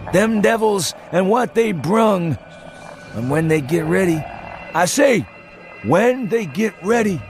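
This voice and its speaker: A man's voice: high voice, pitched above the performer's own voice, heavily acted. A man voicing a terrified, ancient male townsman who talks in a rustic old-timer dialect, in an audiobook reading. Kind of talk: audiobook character voice. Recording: music underneath. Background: music.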